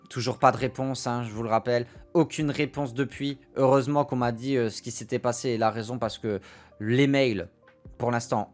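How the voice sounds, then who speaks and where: A young man from France recounting a personal story to his viewers, emphatic and prone to repeating phrases for effect. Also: mid-range voice. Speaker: streamer and video creator. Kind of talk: storytelling to camera.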